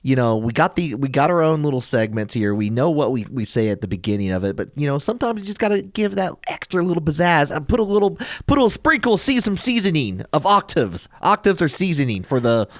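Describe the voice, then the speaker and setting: Playful male podcast host, lively pitch. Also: brisk, hardly any pauses, no echo, studio quality. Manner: playful, jumps into high pitch for effect. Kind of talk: casual chat.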